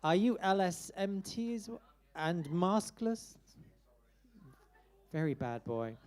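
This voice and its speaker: A man's voice: high-pitched, very animated, takes it slowly, a little mellow, clean tone. A man hosting a live musical theatre showcase in a small club, chatty and teasing with the performers. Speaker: host.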